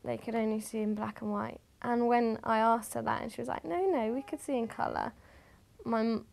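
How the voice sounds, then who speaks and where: A woman's voice: a little high, fairly even intonation, a little fast, gravelly, a little mellow. A woman from southwest England, telling an amused story about her childhood beliefs in an interview.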